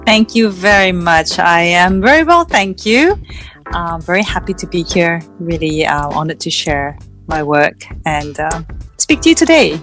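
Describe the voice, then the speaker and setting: A middle-aged Malaysian woman, a founder and coach appearing as a podcast guest, reflects on her personal story and searches for her words. Her voice is on the low side, sing-song and fairly bright at a measured pace, with soft music in the background.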